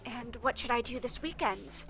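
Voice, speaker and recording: A woman's voice: on the high side, normal speed, over music, natural voice. A woman voicing a weary, evasive doctor in a game, close to her own voice. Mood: dry.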